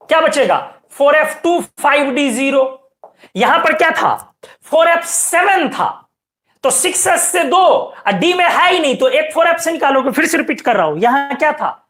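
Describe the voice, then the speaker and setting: A woman's voice: high-pitched, fairly bright tone. A woman teaching a chemistry lecture, explaining step by step and often asking her students questions and telling them to pay attention. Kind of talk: classroom lecture.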